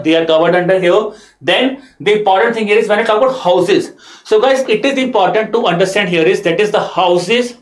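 A man in his thirties with an Indian accent teaches exam material in an explanatory lecture style, repeating phrases for emphasis. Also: sits high. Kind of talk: classroom lecture mixing English with some Hindi asides. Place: indoor teaching studio in front of a screen. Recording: echoey room sound.

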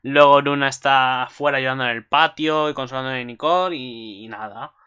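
Casual anime recap host, a man, bright and forceful voice, profane and rambling. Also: medium pitch, fairly quick, clear, resonant tone. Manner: rambling, swears freely, with asides to viewers.

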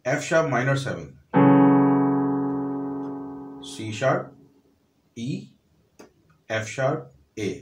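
A man's voice: medium pitch, animated, extremely slow, pauses often, echoey room. A man teaching a piano lesson, explaining step by step, counting and naming notes aloud. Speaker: music teacher. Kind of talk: piano tutorial.

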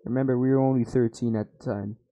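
Watching his old gaming clips, a young man swears freely and pokes fun at himself in loose, rambling chatter. His dark, medium-pitched voice is steady and fast, and the over-ear headset recording from a small room at home sounds dull.

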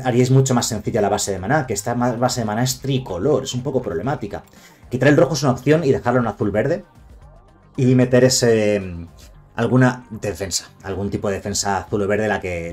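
Fast-talking man from Spain. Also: lowish voice, a little mellow. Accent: Spain Spanish. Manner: fast, chatty, self-correcting, addresses viewers directly. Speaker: card game content creator. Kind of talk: casual deck guide to viewers.

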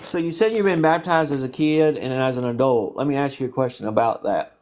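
A man's voice: medium pitch, a little fast, darkish tone, slight background noise. A man with a Southern accent asking questions on the street, patient and probing, reaching for homely examples. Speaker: street interviewer. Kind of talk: casual questioning.

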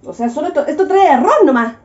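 A woman's voice: sits high, animated, fast talker, darkish tone. Chatty Chilean woman in an echoey kitchen. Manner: exasperated, joking rants with frequent laughs. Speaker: vlogger. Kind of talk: casual cooking vlog chat. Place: home kitchen. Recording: echoey, dull-sounding room.

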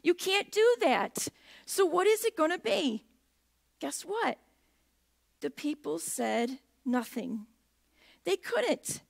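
A woman's voice: sits high, very animated, slow, gravelly, long pauses. A middle-aged woman preaching a sermon in a church, talking conversationally and putting questions to the congregation. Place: church sanctuary.

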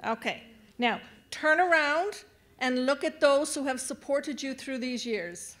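A woman with a somewhat high voice delivers a graduation ceremony speech into a podium microphone. She addresses the graduates directly, giving them step-by-step instructions in a large venue. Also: animated, a little slow. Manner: warm, directing the crowd with instructions. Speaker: adult education staff speaker at graduation.

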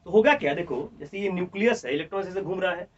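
A fast-talking man with a high-sitting voice teaches chemistry to a class, speaking Bihari-accented Hindi; he is from India. His explanations are animated and emphatic as he restates each point, keeps referring to the students as children, and dictates notes word for word. The recording is a distant, dull, lo-fi capture of the classroom.

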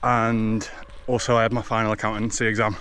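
A young English man talks casually to an action camera on a run. He is out of breath from running, with a lowish voice and faint outdoor noise around him. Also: level tone, fairly quick, a bit bright. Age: 20s. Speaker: fitness vlogger. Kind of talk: casual vlog chat. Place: outdoors on a forest trail. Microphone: action camera at arm's length.

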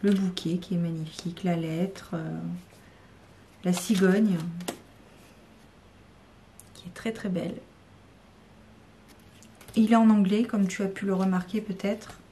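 A woman's voice: medium pitch, steady tone, slow pace, pauses often, mellow, slight background noise. A woman with a French accent talking casually and unscripted to her viewers, rambling with many fillers and sometimes dropping to a near-whisper. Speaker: YouTuber showing card decks. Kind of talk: unscripted casual talk to camera.

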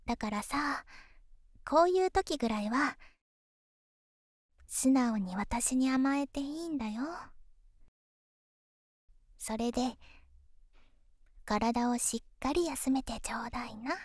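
Sweet high-voiced girlfriend, ASMR role-play pillow talk. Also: animated, slow, pauses often, dry recording, clean studio sound. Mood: tender, teasing. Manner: soft, sweet, coaxing, gently teasing. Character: affectionate, teasing young live-in girlfriend.

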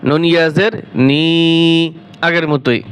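A man teaching Quran reading in a slow spelled-out lesson, drawing out syllables and then explaining briskly, asking and answering his own questions. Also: fairly high pitch, steady tone, a bit bright, clear, resonant tone.

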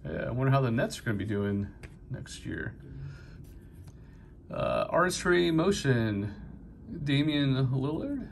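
Here a card-collecting vlogger, a middle-aged man with a New England accent, offers easygoing pack-opening commentary at a busy convention hall, loaded with fillers and cheerful remarks. His gravelly, medium-pitched voice swings widely in pitch at a normal speed, with slight background noise.

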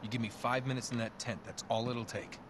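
A man's voice: mid-range voice, level tone, a little fast, natural voice. An actor playing a cocky, scheming male adventurer in video game cutscene dialogue. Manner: confident, scheming. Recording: game audio with ambient noise.

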